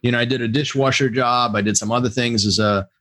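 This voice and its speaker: A middle-aged man who grew up in Russia, a podcast guest and executive coach, answering questions in a casual, halting way with animated bursts. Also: medium pitch.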